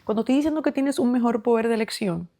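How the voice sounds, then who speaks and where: A woman's voice: on the high side, quick pace, mellow. Earnest woman preaching on a faith podcast. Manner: earnest and exhorting, addresses the listener as "hermano"; shares personal testimony. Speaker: podcast host. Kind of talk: faith talk, preaching to the listener.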